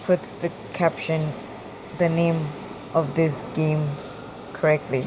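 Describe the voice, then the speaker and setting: A woman with a low voice talks slowly to her viewers. She hesitates often and restarts her sentences. A steady hum of air conditioning sits clearly behind her. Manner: hesitant, halting, many fillers and restarts. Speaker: gaming vlogger. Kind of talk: casual talk to camera.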